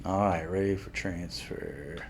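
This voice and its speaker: Low-voiced man commenting on his gameplay. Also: fairly even intonation, measured pace, heavy background noise. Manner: thinks out loud, speculating. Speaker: video game let's player. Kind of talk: casual gameplay commentary with reading aloud.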